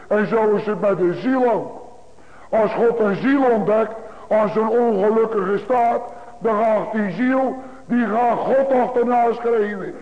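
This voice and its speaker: A man preaches to his congregation in a high, insistent voice, hammering home his points through repetition. The sound is thin and phone-like, and a long reverb trails each phrase through the church. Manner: emphatic, repetitive preaching cadence. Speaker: pastor. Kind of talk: sermon. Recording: tinny phone-like broadcast in a large reverberant church.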